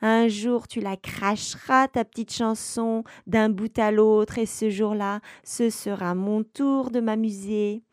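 A woman's voice: medium pitch, fairly even intonation, takes it slowly, few pauses, darkish tone, no echo, studio quality, natural voice. A woman voicing a spiteful old female witch in a sneering, mocking tone.

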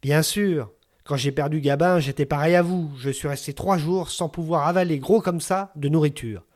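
A man putting on a gruff, bossy old woman. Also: on the high side, normal speed, darkish tone, lightly acted. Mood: scolding. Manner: brusque, bossy and fussing.

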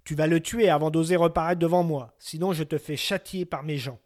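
A man's voice: a little high, fairly even intonation, fairly quick, darkish tone, natural voice. A man voicing a greedy, surly old king in a storybook tale, speaking coldly and with scorn. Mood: scornful. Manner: cold, scornful.

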